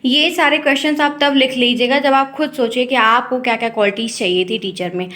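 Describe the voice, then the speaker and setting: Woman, teacher, fairly high voice, exam-prep lesson, repeats questions, explains step by step. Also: fairly even intonation, brisk, a bit bright.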